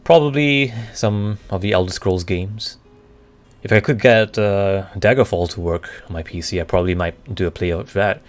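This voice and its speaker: A man with a deep, low voice talks casually to his live stream audience over faint background music. He answers questions hesitantly, often stopping to search for the right word before carrying on. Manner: hesitant, halting, searching for words. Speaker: streamer, VTuber.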